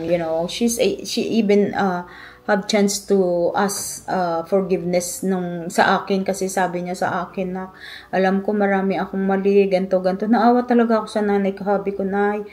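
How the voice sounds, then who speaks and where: A woman's voice: mid-range voice, a little mellow. A middle-aged woman with a Filipino accent, telling a personal story in a vlog, emotional and reflective, switching between Tagalog and English. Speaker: vlogger.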